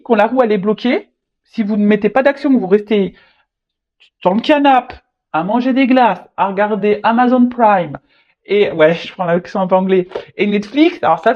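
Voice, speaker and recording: A tarot reader giving a casual reading, speaking haltingly, repeating words and adding frequent tag words. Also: medium pitch, a little mellow. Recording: dull lo-fi recording.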